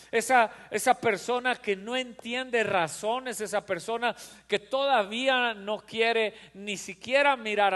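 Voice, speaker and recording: A male pastor with a high, somewhat bright voice preaches a fervent, repetitive sermon, repeating phrases for emphasis and acting out voices in his stories, with a long hall reverb.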